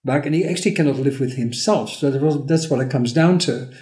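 A man co-hosting a podcast, slowly telling a parable and acting out the characters' lines. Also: a little high, darkish tone, reverberant. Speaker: podcast co-host. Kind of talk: storytelling in a podcast conversation.

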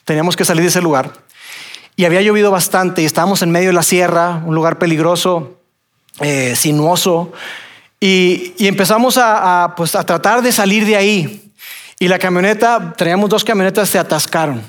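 A man's voice: sits high, normal speed, a bit bright. A man from Mexico with a Mexican accent, telling a personal testimony with acted-out dialogue and many fillers.

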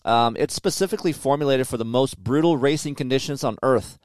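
A man's voice: mid-range voice, a little fast, a little mellow, no echo. A middle-aged man hosting a motocross podcast, talking casually and bluntly about riding, with plenty of swearing. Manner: blunt, profane, conversational. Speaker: podcast host and motocross tester. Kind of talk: casual chat.

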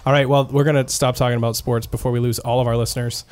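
A man hosting a podcast in a relaxed, casual chat, steering the conversation. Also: mid-range voice, rapid-fire. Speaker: podcast host.

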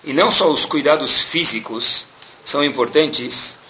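A man, giving a sermon as a religious teacher and telling stories in a lively, animated way, often checking in with his listeners. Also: a little high, unhurried, a little hiss or hum. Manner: keeps asking "tá bom?" as a check-in. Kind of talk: sermon with storytelling. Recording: echoey room.

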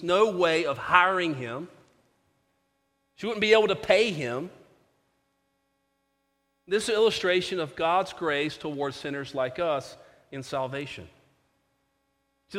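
A man's voice: sits high, a bit bright, in a large hall. A man preaching a sermon, telling a story earnestly with frequent restarts and fillers.

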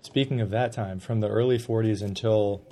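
Male interviewer, formal long questions, warm dark voice. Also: fairly low pitch, steady tone, normal speed.

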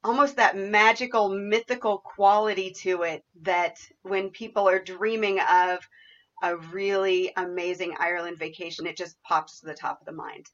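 A woman's voice: medium pitch, fairly even intonation, moderate pace, dull audio. A woman hosting a podcast interview in a conversational style. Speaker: podcast host.

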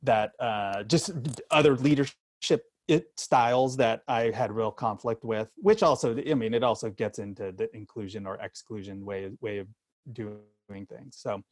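Middle-aged man, low-pitched conversational storyteller. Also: a little mellow, dry recording. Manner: halting, repeats and restarts phrases often. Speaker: interview guest. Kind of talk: candid conversational interview, personal storytelling.

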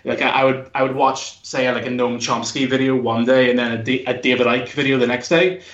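His delivery is flat and a little fast, though the medium-pitched tone stays fairly bright. He's a Belfast man in his thirties, a podcast guest chatting loosely in a roundabout way, heard through dull lo-fi sound in an echoey room.

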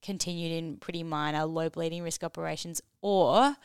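A woman's voice: deep voice, steady tone, moderate pace, clean tone, no echo, studio quality. A woman hosting a casual educational discussion, explaining things in an informal way. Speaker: podcast host and medical teacher.

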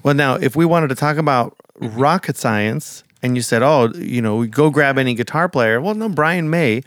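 A man co-hosting a podcast in casual chat, making measured, reasoned remarks. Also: medium pitch, dry recording, studio quality. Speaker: podcast co-host.

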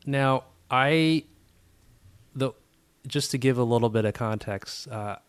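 A young man hosting a podcast, talking casually in a soft, hesitant way with many fillers. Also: mid-range voice, takes it slowly, smooth. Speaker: podcast host.

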